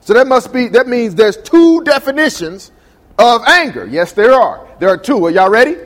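Male pastor, very high voice, call-and-response sermon, long church reverb. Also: big pitch swings, normal speed. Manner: call-and-response preaching, asks the congregation questions. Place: church sanctuary.

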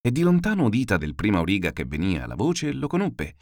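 Guy reading old epic verse aloud, low voice that swings up a lot. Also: fairly quick, no echo, studio quality. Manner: expressive, raises voice for shouted speeches. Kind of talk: dramatic reading of classical verse.

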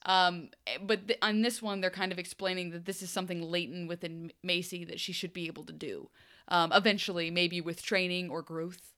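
A young woman co-hosting a podcast, recapping a TV episode in casual chat, animated and chatty with playful asides. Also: fairly low pitch, fairly quick. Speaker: podcast co-host.

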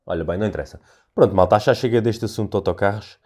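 A young man with a European Portuguese accent hosting a solo podcast, telling stories in an animated, ranting way and swearing freely. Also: fairly low pitch, racing. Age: young adult. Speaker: podcast host. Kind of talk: casual solo podcast monologue.

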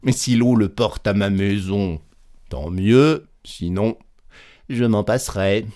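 A man's voice: fairly low pitch, takes it slowly, darkish tone. A man voicing a crafty, cheerful male peasant trickster in a storybook reading. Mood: musing. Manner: crafty, mock-fearful.

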